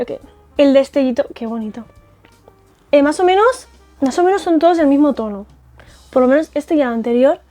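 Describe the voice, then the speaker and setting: A woman's voice: sits high, mellow. A young woman with a Spanish accent from Spain, chatting effusively to camera as she tries on makeup, with lots of fillers and tag questions. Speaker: makeup artist reviewing cosmetics. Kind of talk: casual beauty vlog, trying products on camera. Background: faint background music.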